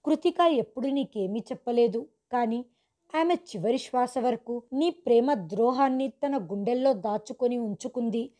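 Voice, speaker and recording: A woman voicing a tearful older mother who gravely reveals a long-kept secret to her son, as a storybook figure. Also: fairly high pitch, moderate pace, mellow, close to an everyday voice.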